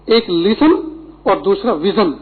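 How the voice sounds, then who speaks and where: A man's voice: high-pitched, slightly rough. A middle-aged man preaching a Friday sermon, earnest and instructive, with Arabic quotations. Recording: tinny phone-like lo-fi recording.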